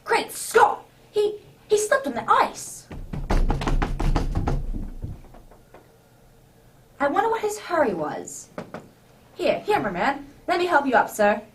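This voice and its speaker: A woman plays a jovial, easily flustered gentleman doctor in a radio play. The voice sits fairly high and swings widely, full of polite exclamations. It is picked up at some distance from the mic. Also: sing-song, unhurried, a little hiss or hum. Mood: excited. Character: jovial, flustered male doctor in a Santa suit. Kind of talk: amateur radio drama acting.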